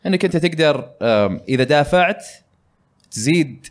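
A man's voice: on the high side, lively intonation, a little fast. A man hosting a casual gaming podcast, talking in a rambling way with many fillers. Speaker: podcast host.

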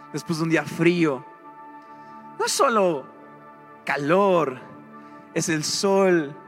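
A man preaching a sermon, animated and questioning his congregation. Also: a little high, big-room sound.

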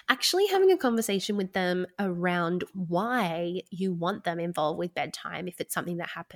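A woman in her thirties co-hosting a podcast, chatting casually and giving advice to parents as a sleep consultant, with frequent "um"s and laughs. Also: on the low side.

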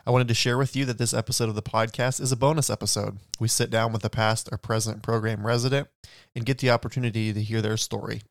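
A man's voice: on the low side, steady tone, fast talker, creaky, no echo, studio quality. A man hosting a podcast, reading a friendly scripted introduction and then giving short interview prompts. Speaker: podcast host.

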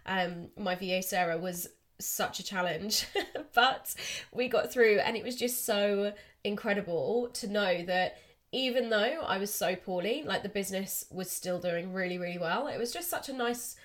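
Woman in her thirties from the UK, podcast host, eager and upbeat, slightly blocked-up nose, mid pitch. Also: normal speed. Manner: upbeat, enthusiastic, laughs often. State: slightly congested from a cold. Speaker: podcast host, confidence coach. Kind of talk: casual podcast monologue.

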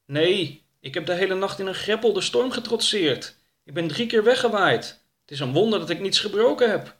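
A man's voice: sits high, lively intonation, moderate pace, voice pushed up. A man voicing a touchy, sulky talking duck in a storybook reading, sarcastic and indignant. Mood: defensive.

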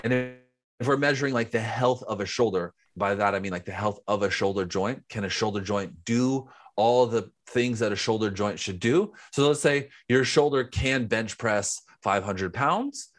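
Lower-voiced man explaining training. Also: normal speed. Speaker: podcast co-host. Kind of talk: casual chat.

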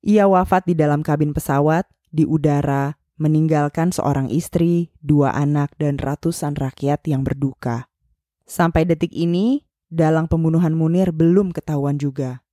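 A woman's voice: sits low, steady tone, normal speed, dark tone, dry recording, studio quality. A woman with an Indonesian accent hosting a podcast and narrating a scripted account. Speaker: podcast host.

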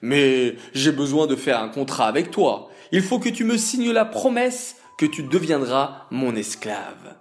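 Storybook figure: calm, shrewd man, measured delivery, the male narrator's own slow voice. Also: medium pitch.

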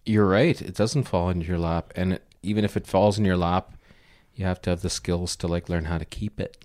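A man's voice: low-pitched, fairly even intonation, brisk, a little mellow, no echo. A man co-hosting a podcast in casual chat, dry and joking. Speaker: podcast co-host.

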